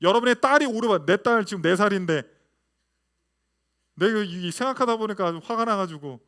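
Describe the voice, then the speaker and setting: A man in his thirties, a pastor, preaching a lively sermon full of rhetorical questions to his congregation. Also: high voice, a little fast.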